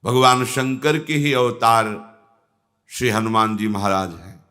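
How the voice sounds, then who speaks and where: An older man giving a slow, measured devotional discourse as a spiritual teacher, rising in tone when he quotes scripture. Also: lowish voice, steady tone, sharp tone.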